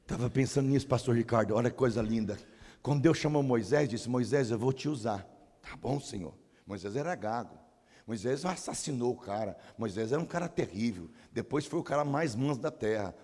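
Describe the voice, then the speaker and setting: A Brazilian man preaching a sermon as pastor, animated and humorous, acting out the prayers of churchgoers. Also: medium pitch, fairly quick. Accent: Brazilian Portuguese. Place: church hall. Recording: long church-hall reverb.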